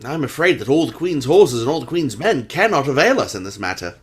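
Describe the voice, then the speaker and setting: A man playing Doctor Watson, an earnest gentlemanly companion and narrator in a radio play, with a husky voice. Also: medium pitch, big pitch swings, a little fast.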